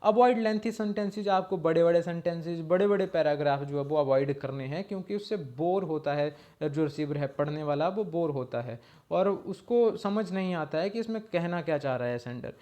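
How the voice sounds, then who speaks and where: A man's voice: a little high, moderate pace, mellow. A man explaining an exam-prep lesson step by step, often checking in with a short "okay" and reading slide lines out in English. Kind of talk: slide-based lecture.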